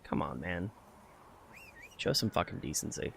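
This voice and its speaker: A man's voice: sits low, expressive, unhurried, vocal fry, a bit bright, slight background noise. A man streaming a video game, joking, swearing and reading game text aloud. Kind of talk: gaming livestream commentary. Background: faint game music.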